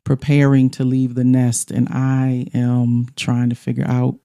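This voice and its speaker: A woman's voice: very deep voice, completely flat delivery, a little slow, mellow, clear, resonant tone. A middle-aged woman co-hosting a casual podcast chat in a studio, talkative and laughing often. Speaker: podcast co-host.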